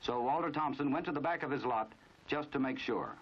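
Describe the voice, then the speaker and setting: Fairly quick and lightly acted, an American man's mid-range voice narrates a 1950s crime training film with knowing, dramatic storytelling. The mood is wry yet measured, and the recording is a dull, band-limited 1950s film soundtrack.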